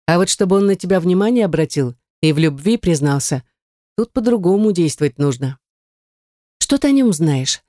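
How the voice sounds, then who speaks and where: Brisk bossy young student girl, read by a woman. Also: on the low side, animated, mellow, no echo, studio quality, natural voice. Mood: scheming. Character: lively teasing young woman student friend. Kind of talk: audiobook character reading.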